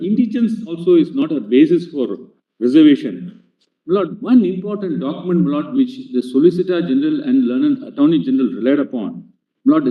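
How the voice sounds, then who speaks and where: A man arguing a legal case before a court, formally addressing the bench with "my lord" at nearly every phrase. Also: on the high side. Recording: tinny, echoey courtroom feed from a distant mic.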